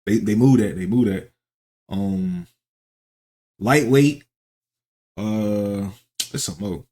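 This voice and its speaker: A man's voice: fairly low pitch, slow, mellow. A man giving casual, off-the-cuff gaming reactions in slangy, repetitive, stop-and-start phrases.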